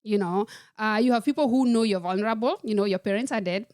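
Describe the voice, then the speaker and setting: A woman from Kenya, a podcast guest telling her life story in a measured, reflective way. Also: mid-range voice, darkish tone, no echo, clean studio sound. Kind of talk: personal storytelling in a podcast interview.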